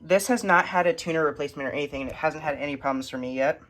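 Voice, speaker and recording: Heavy background noise surrounds a medium-pitched voice recorded on a handheld phone held behind the camera. A hobbyist walks through a radio collection in an indoor room lined with electronics shelves, naming pieces one at a time in a halting, casual show-and-tell.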